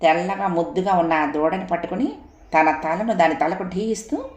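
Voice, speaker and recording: A woman narrating a story in a steady, expressive reading. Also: on the low side, normal speed. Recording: echoey room.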